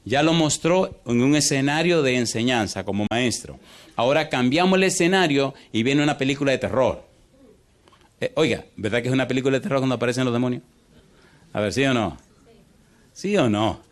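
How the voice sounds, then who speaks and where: With a mid-range voice, a pastor preaches energetically, pressing the congregation again and again for yes or no answers. His pacing shifts constantly, sometimes racing, sometimes dragging the words out.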